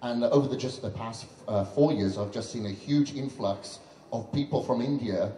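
A man's voice: medium pitch, moderate pace, dark tone. A man in his thirties, a fitness trainer, giving an earnest, chatty on-stage speech at a launch event into a handheld mic, with lots of "you know" fillers. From Western country. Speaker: fitness trainer and guest speaker. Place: large event hall on stage. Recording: roomy hall echo with faint background noise.

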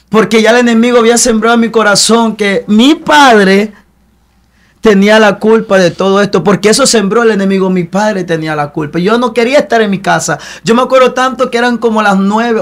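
Casting: young man, high-pitched, earnest testimony voice, repeats himself like a preacher. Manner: earnest, repetitive, preacher-like cadence. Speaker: guest giving testimony. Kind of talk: emotional personal testimony.

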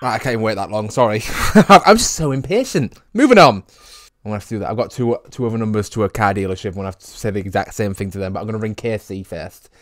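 A man in his twenties with an English accent makes casual prank calls as a video host, hesitating and stammering into a close boom-arm microphone. His voice sits on the low side with a level tone, and he talks very fast with few pauses in a dry recording.

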